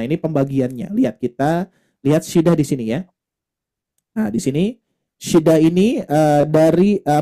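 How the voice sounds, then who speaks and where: A man teaching a Quran recitation class, explaining patiently and demonstrating letter sounds, often ending phrases with a soft tag word. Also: a little high.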